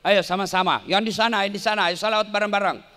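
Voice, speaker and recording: A man, preaching a lively sermon at a public event, joking with and teasing his audience and leading them in chanting. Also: sits high, quick pace. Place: large hall with an audience. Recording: long hall reverb.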